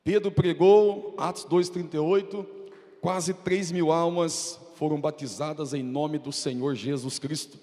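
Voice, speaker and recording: A man's voice: fairly high pitch, fairly even intonation, measured pace, mellow. A man with a Brazilian Portuguese accent preaching a fervent, dramatic sermon as a pastor in a church. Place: church sanctuary. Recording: reverberant church hall.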